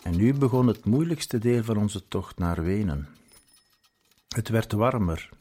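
Man, story narration, slow and measured, low husky voice. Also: mellow.

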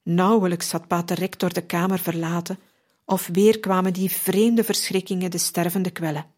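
A woman narrating a religious biography in a measured, unhurried reading. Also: fairly low pitch, level tone, a little mellow.

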